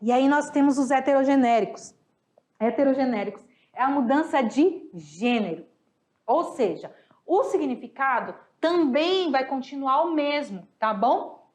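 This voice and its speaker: A woman's voice: sits high, lively intonation, unhurried, darkish tone. A woman teaching a recorded review lesson, talking affectionately to her students and explaining step by step with paired examples. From Brazil. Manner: affectionate, chatty, addresses students as "galera". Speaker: Spanish teacher.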